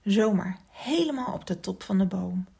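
A woman hosting a children's story podcast, narrating gently and expressively and sometimes dropping to a whisper. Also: mid-range voice, lively intonation, normal speed, gravelly, husky.

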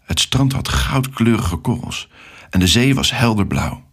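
A man narrating a children's story with an expressive, animated reading. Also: medium pitch, a little slow, gravelly, husky.

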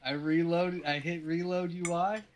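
A man's voice: a little high, flat delivery, normal speed, slight background noise. A man chatting casually while gaming, full of bro slang and heavy swearing. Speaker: gamer on a stream.

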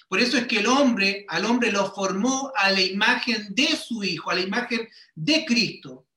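A man giving a sermon in a high, bright voice. He speaks slowly and in a measured way, often checking that his listeners follow. His voice rings in a roomy, echoey space. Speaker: preacher. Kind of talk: sermon teaching. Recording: roomy echo.

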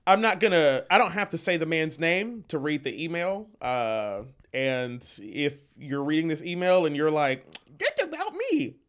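A man chats casually about his work as a teacher and swears freely. His voice sits a little high for a man. He talks in lively bursts and laughs often as he tells his stories. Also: clear, resonant tone. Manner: animated, profane, laughs through his stories. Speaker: teacher and podcast co-host. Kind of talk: casual storytelling chat.

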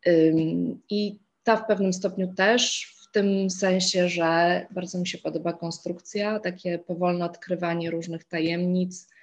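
A woman with a hoarse voice moderating a book club discussion, reflecting on a book and inviting others to speak. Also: fairly low pitch, level tone, unhurried, hardly any pauses.

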